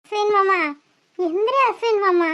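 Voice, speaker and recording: [name], a woman voicing a bossy squeaky village wife. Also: moderate pace, a bit bright, highs cut off. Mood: coaxing. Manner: scolding, nagging.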